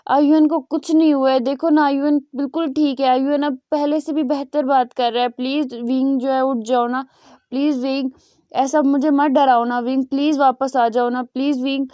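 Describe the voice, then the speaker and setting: A woman voicing a reserved, gentle young man in a retold story, speaking softly. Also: high voice, flat delivery, moderate pace, no room sound, lightly acted. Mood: pleading.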